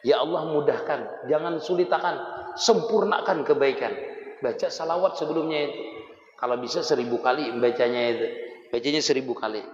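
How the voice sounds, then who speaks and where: A man's voice: fairly high pitch, a little fast. A man with a Banjar Malay accent gives a casual religious lesson, explaining in a folksy, conversational way with frequent chuckles. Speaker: religious teacher. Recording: dull lo-fi recording in a reverberant hall.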